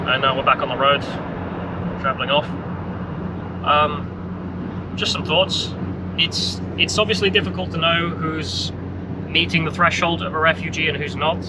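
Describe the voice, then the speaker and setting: A man with a fairly high voice muses his way through a point, restarting and circling back as he talks. Clear road noise from the car he rides in hums under every line, so it sounds like a vlogger recording on the move. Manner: thinking aloud, with restarts and asides. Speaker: travel vlogger. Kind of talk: reflective commentary. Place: inside a moving car.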